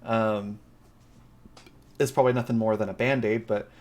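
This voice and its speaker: A man narrating as game master of a tabletop game, hesitant with many ums and quick to laugh. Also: on the low side, steady tone, background noise.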